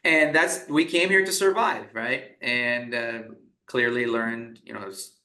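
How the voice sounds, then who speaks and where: A man from Iraq speaks slowly in a medium-pitched, bright, forceful voice as a guest on a podcast interview. A business founder, he tells his story in a rambling way, often restarting and using fillers. The room sounds echoey.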